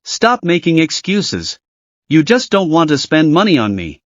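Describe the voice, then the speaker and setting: A man's voice: on the high side, huge pitch swings, a little slow, no room sound. A man voicing a vain, smug young wife who spends freely and talks with boastful scorn. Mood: angry. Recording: dry, dull lo-fi voice.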